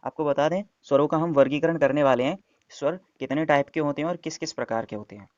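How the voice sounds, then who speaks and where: A man's voice: a little high, fast talker, a little mellow, no echo. A man giving an online exam-prep lesson, explaining step by step and answering his own questions. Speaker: teacher. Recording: dull, dry lo-fi sound.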